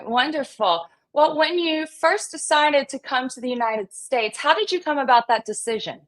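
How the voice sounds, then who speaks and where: A woman's voice: sits high, expressive, normal speed. A woman hosting a live stream, upbeat and welcoming as she greets viewers and guests. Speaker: host.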